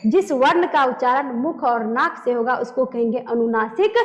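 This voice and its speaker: A woman teaches grammar in a high, clear voice, asking her class questions and answering them herself. She repeats each key term slowly. Her voice rings out with a long echo, as in a bare hall. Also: highs cut off. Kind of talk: classroom lesson. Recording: echoey room with long reverb.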